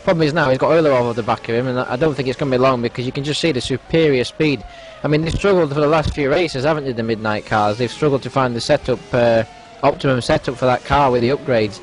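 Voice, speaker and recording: A man's voice: mid-range voice, fast talker. A man giving live motorsport commentary, analysing the race in a conversational way.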